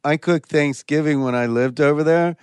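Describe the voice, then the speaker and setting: A man's voice: a little high, normal speed, a little mellow, clear, resonant tone, no room sound. A man from the United States, co-hosting a podcast, talking casually and joking as he tells stories. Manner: joking, laid-back storyteller. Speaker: podcast co-host. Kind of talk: casual chat.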